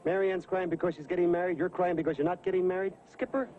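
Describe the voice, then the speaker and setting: A man playing a bumbling, naive sidekick from a 1970s TV comedy, high-voiced and quick, blurting things out in a befuddled rush. The sound is dull and dated, with a faint hiss underneath. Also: fairly even intonation, close to an everyday voice.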